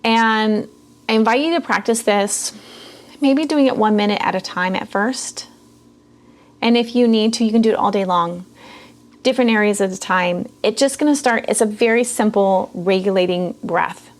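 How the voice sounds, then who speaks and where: A woman hosting a self-care talk, explaining calmly and guiding a breathing exercise in a gentle, conversational way. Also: mid-range voice, normal speed. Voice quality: gentle, conversational, many fillers. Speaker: self-care podcast host. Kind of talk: calm teaching talk with guided breathing.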